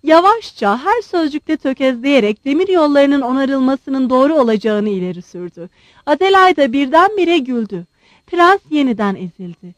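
A woman's voice: sits high, big pitch swings, normal speed, dry recording. A woman narrating a novel as an audiobook, reading expressively.

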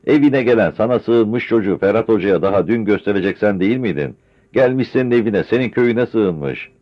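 A sharp-tongued old village woman who scolds and shouts in a high, loud voice, as a male narrator puts her on. Her words come out in fast furious strings. The audiobook recording is dull and lo-fi. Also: lively intonation. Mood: scolding. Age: older.

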